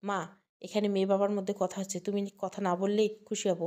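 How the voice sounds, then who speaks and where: A woman voicing a gentle but firm middle-aged father in an audio story. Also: medium pitch, flat delivery, quick pace, natural voice. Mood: calm. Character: calm, fair-minded middle-aged father.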